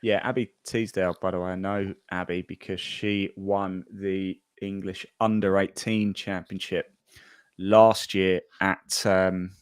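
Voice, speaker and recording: Guy hosting a golf podcast, lowish voice, rambly and chatty, lots of uhs. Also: little pitch movement, a little slow, smooth, dry recording, clean studio sound. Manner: chatty, rambling, many fillers and restarts. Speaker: podcast host. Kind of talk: casual podcast chat reading golf news.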